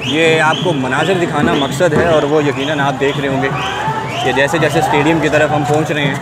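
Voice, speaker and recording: A man's voice: a little high, steady tone, a little fast. A young man giving a walking on-the-spot video report through busy city streets at night, with running commentary as he moves. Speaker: vlogger reporting from a rally. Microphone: lapel mic. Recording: loud crowd and street noise. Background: loud crowd chanting, traffic.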